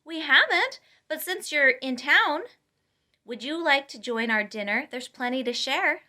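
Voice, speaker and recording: Woman voicing bright, cheerful Princess Tiana. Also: high-pitched, expressive, measured pace, pitched above the performer's own voice, heavily acted. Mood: welcoming. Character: cheerful, generous young woman, storybook princess and cook.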